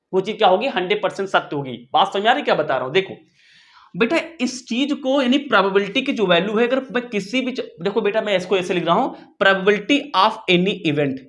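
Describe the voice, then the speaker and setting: A man's voice: high voice, fairly bright tone. A man with an Indian accent teaching maths informally to school students online, repeating phrases, coaxing attention and often checking understanding with questions. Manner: addresses listeners familiarly, coaxing attention.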